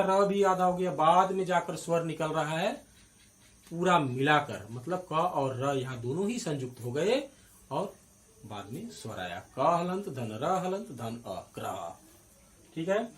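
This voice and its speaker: A high-voiced man teaches grammar slowly and with lively rises and falls in pitch. He breaks words into their sounds and keeps asking the class if it is clear. His voice is picked up from some distance away. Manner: explains step by step, repeats and spells out syllables, asks checking questions. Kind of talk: classroom-style grammar lesson at a board.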